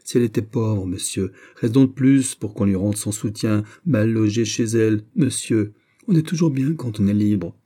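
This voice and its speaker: A man's voice: lowish voice, moderate pace, warm tone, close to an everyday voice. A man voicing a chatty middle-aged prison governor with a genial, coaxing manner.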